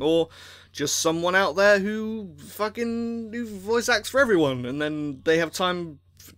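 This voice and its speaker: A man who makes machinima videos, rambling and rushed as he appeals to his viewers, full of restarts and a little out of breath. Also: a little high, sharp tone, no room sound. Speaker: machinima creator.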